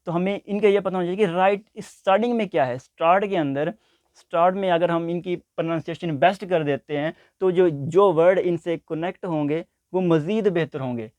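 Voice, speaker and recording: A man teaching a basic English lesson, speaking slowly and repeating example words. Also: high-pitched, a little mellow, no echo. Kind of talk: spoken language lesson.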